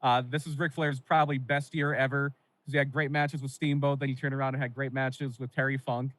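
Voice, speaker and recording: A man's voice: medium pitch, level tone, fairly quick, a bit bright, dry recording, poor audio. A man from Pennsylvania co-hosting a wrestling podcast, telling nostalgic stories with lots of fillers. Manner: rambling, nostalgic storytelling with fillers. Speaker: podcast co-host. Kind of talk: casual wrestling podcast chat.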